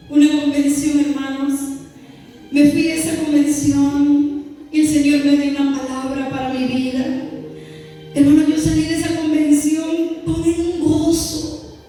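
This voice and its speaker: A woman's voice: high-pitched, warm tone. A woman giving a fervent testimony to a church congregation, often calling them beloved brothers and sliding into a sung cadence. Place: church hall. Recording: far-off mic in an echoey hall with music.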